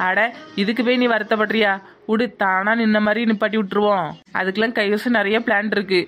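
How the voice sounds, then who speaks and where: A woman voicing a confident young woman in an animated family drama, reassuring and plotting. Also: medium pitch, quick pace, lo-fi sound, soft background music, close to an everyday voice. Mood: scheming.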